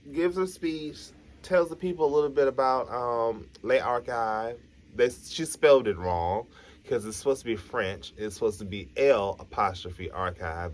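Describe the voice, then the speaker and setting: A tired, sleepy man vlogging a casual, rambling recap of a TV episode. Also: medium pitch. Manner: chatty, rambling storyteller.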